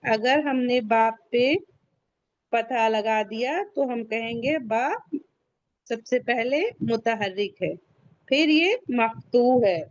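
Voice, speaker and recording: A woman teaches an online tajweed class at a slow, deliberate pace. Her voice sits a little high, and she repeats each question before answering it herself. The recording is dry and a bit dull. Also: dry recording. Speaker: Quran recitation teacher. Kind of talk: online tajweed lesson, screen shared.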